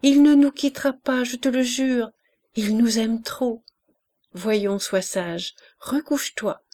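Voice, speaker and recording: A woman reading an audiobook voices an anxious, loving mother who soothes her sick child softly through tears. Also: a little high, slow pace, pitched above the performer's own voice. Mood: tender soothing. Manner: soft, soothing, tearful reassurance.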